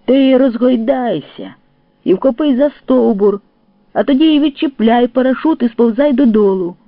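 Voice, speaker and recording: A man's voice: high voice, big pitch swings, normal speed, no echo, voice pushed up. A man voicing a grumbling, scolding male paratrooper who tells off a comrade in a read-aloud story. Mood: advising. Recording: tinny phone-like dry sound.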